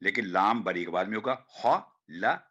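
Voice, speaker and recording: A man teaching Quran recitation, demonstrating hard words slowly and repeating each one. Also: lowish voice, expressive, sharp tone, slightly rough, muffled recording. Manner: slow, drawn-out demonstration of each word, repeated. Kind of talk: online pronunciation class.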